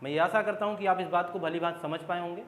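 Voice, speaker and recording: A man's voice: high-pitched, fairly even intonation, quick pace, a bit bright. A man teaching an exam-prep grammar lesson, explaining step by step, repeating key points and putting questions to his students. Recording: echoey room with long reverb.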